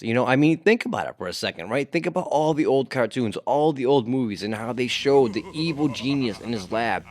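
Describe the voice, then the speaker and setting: A man's voice: lowish voice, no echo. A man hosting a casual history podcast, talking conversationally with lots of swearing and "you know" fillers. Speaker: podcast host.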